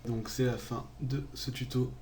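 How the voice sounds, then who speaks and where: A man narrating a screen-recorded software tutorial, calmly walking through each click step by step. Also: mid-range voice, measured pace, a little hiss or hum. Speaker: tutorial maker.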